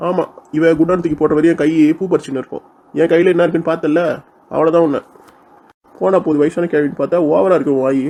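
Insolent, quick-mouthed younger sister, mocking and combative, a man plays her. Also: fairly high pitch, steady tone, mellow, slight background noise, lightly acted. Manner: mocking, insolent, picks fights. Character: sharp-tongued cheeky young woman, the younger sister. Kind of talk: comic village skit acting.

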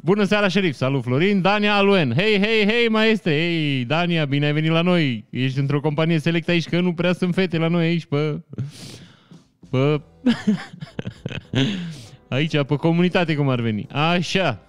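A man's voice: fairly high pitch, clear, resonant tone, no room sound. A man hosting a casual live stream, greeting viewers by name and answering chat comments with frequent laughs. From Romania.

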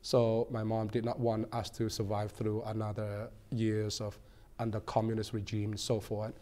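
A man in his forties, born in Cambodia, telling his story as a guest in a TV studio interview, earnest and measured with frequent ums. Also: on the low side, completely flat delivery, mellow. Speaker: guest, political candidate. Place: small TV studio set.

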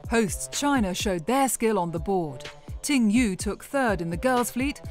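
A woman reads sports news as a scripted voice-over with a steady, polished delivery. Her pitch sits mid-range, and faint music plays behind her. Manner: measured, polished broadcast delivery. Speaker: narrator.

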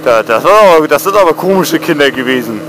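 A man's voice: a little high, lively intonation, fast talker. A man chatting casually as he rides a motorbike, talking into a helmet mic. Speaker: motovlogger. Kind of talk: casual chat while riding. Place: outdoors on a motorbike in city traffic. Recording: faint engine and traffic noise.

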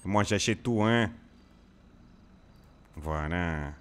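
Man doing touchy grumbling role-play guy, low voice, tags a questioning word onto every phrase, faint hiss behind. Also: extremely slow. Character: touchy, grumbling man who feels picked on. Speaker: streamer playing a role-play character.

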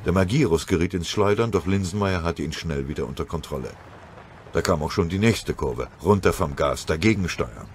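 A man narrating a war audiobook in a steady, dramatic reading. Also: low voice, brisk, slight background noise. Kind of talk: scripted narration.

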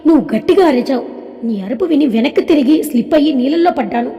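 A woman's voice: high-pitched, lively intonation, fast, warm tone. A woman voicing a carefree, innocent young woman who pleads sweetly, with a long echoing reverb. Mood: pleading.

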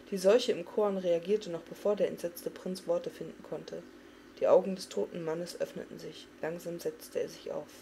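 Woman narrator, dramatic fantasy audiobook reading, dark gravelly voice. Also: on the low side, slight background noise. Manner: expressive, dramatic. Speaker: audiobook reader.

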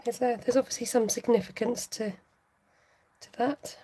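A woman's voice: a little high, steady tone, normal speed, warm tone, slight background noise. A woman hosting a live craft tutorial, chatting casually to her viewers while she works.

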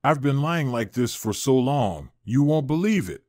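A man's voice: medium pitch, animated, a little slow, a little mellow, dry recording, lightly acted. Man reading as a young woman, just woken from coma, slightly raised voice, weary, dry close sound. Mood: tearful.

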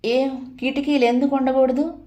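A woman's voice: high-pitched, flat delivery, normal speed, dark tone, voice pushed up, lightly acted. A woman reading as a brooding dreamy husband.

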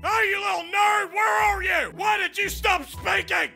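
A man's voice: extremely high pitch, fairly even intonation, normal speed, creaky, over music. A man trolling players in a game's voice chat, barking every line like a drill sergeant. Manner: constant shouting, drill-sergeant bark. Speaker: online game prankster.

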